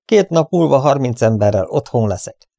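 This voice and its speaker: A man's voice: medium pitch, animated, creaky, mellow, no room sound, studio quality, voice pushed up. A man voicing a jolly male ranch hand who calls out greetings and brings news in a hearty manner. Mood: cheerful.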